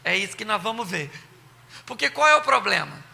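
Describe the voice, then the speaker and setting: Gravelly, high-voiced Brazilian preacher. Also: male voice, brisk. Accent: Brazilian Portuguese. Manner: animated storytelling, playful, bursts of shouting. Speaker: pastor. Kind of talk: humorous sermon. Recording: long reverb of a church hall.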